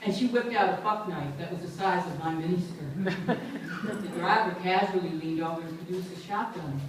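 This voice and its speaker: A woman reading a memoir aloud at a book launch event, with lively, amused storytelling. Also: lowish voice, normal speed. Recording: echoey room, far from mic.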